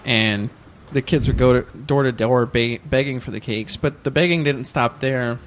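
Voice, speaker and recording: A man's voice: mid-range voice, normal speed, slight background noise. A man on a casual podcast recounting what he researched, hesitant and often correcting himself with fillers. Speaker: podcast co-host.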